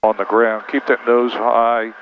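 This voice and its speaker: A man's voice: medium pitch, flat delivery, unhurried, narrow, tinny audio. Man instructing over noisy cockpit headset. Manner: directive, repeats key instructions. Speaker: flight instructor. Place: inside a small plane in flight. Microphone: aviation headset. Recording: noisy band-limited cockpit headset intercom.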